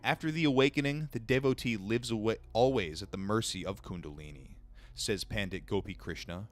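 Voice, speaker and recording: A young man with a fairly low voice reads a book aloud on a livestream. He trips over words here and there and stops to reply to chat in a blunt, casual way, swearing as he goes.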